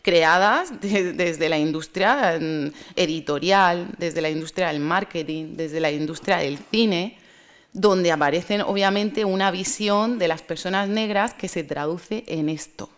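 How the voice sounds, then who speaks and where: A woman speaking at a conference, lecturing in a measured, thoughtful way with pauses and restarts. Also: fairly low pitch.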